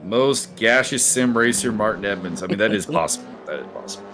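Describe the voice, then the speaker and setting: On a sim racing stream, a man with a lowish, fairly bright voice chats a little fast, joking and rambling off the cuff alongside his co-host. Background music runs under his voice.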